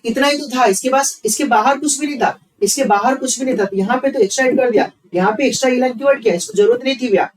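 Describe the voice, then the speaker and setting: A man's voice: extremely high pitch, fast, few pauses, recorded from a distance, crowd noise, low-quality recording. A man teaching reasoning. He works through sums aloud, asks questions and answers them himself, and keeps repeating each step. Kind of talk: online exam-prep class.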